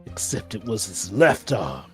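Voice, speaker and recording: A man's voice: fairly low pitch, big pitch swings, measured pace, a bit bright, faint music behind, voice pushed down. A man voicing a burdened, hot-tempered fighter from a fantasy game, reading dialogue in an emphatic, colloquial way. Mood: brooding. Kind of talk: amateur read-aloud of game dialogue.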